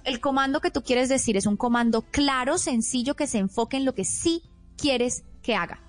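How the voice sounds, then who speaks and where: A woman's voice: high voice, moderate pace, faint music behind. A woman parenting expert explaining in a teaching manner, acting out example phrases a parent might say. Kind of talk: explanatory podcast talk.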